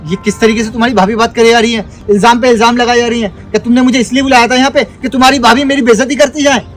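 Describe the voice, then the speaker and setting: A man's voice: very high-pitched, fairly even intonation, racing. A young man acting a careless boyfriend who defends himself casually. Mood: defensive. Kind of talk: web sketch acting.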